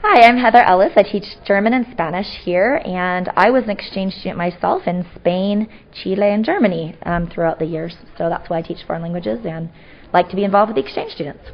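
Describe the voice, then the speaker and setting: A woman who teaches languages at a high school introduces herself as a podcast guest in an upbeat, quick manner. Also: muffled recording. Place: alumni room at a high school.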